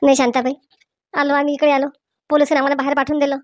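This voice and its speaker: A woman's voice: sits high, flat delivery, rapid-fire, a little mellow. A woman acting in a comic village skit, chiding and pleading in rural talk. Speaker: comedy sketch performer.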